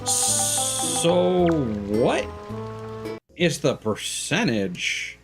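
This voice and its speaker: A game streamer with a fairly high, sing-song voice drags out his words as he casually comments on his live gameplay, reasoning things through out loud. Loud video game music plays behind him.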